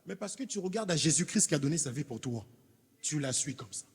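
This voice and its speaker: An emphatic preacher with a Congolese accent, asking his congregation questions as he preaches. His voice is fairly high, husky and gravelly. It rings with the long reverb of a church hall. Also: animated, brisk. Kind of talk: sermon.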